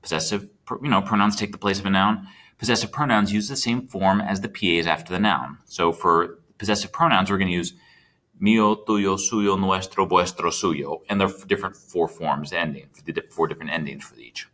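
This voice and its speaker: A man's voice: deep voice, steady tone, a little fast, bright, forceful tone. A man teaching a recorded Spanish lesson, chatty and checking in with his students as he types. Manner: chatty, checks in with students, talks while typing.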